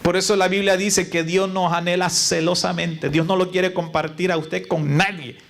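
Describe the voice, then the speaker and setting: A man's voice: sits high, little pitch movement, moderate pace, creaky, fairly bright tone. A male pastor preaching a sermon in a church, often turning to the congregation with questions and reciting lists of word meanings. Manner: preaching with call and response to the congregation. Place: church sanctuary. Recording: noisy church recording.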